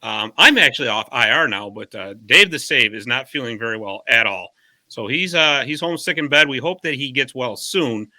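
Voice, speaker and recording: A man's voice: mid-range voice, animated, normal speed, bright, forceful tone, no echo. A man hosting a casual hockey podcast, jokey and chatty, recording remotely. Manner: jokey, chatty, laughs often. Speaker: podcast host. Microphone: remote call setup.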